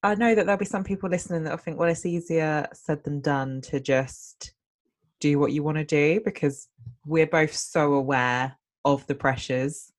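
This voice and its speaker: Low-voiced, giggly woman in her late twenties. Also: normal speed. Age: late 20s. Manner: enthusiastic, rambling, giggly. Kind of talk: casual chat.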